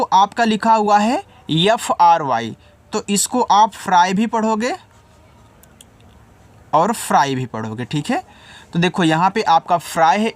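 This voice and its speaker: A man who teaches English and spells words out letter by letter, then patiently explains how to read them. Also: high voice. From India. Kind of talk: spelling lesson.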